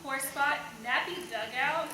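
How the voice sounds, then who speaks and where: Brief: young woman, high voice, wry comic stage monologue, echoey hall. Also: measured pace, bright, forceful tone. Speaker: stage performer. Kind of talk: comic theatrical monologue performance. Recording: echoey hall, far from mic, background noise.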